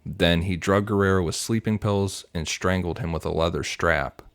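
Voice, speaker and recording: A man with a very low, deep voice reads through his prepared notes in a steady, matter-of-fact way. He is close to a podcast microphone in a dry, dead-sounding room. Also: moderate pace, dry recording. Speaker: podcast co-host and researcher.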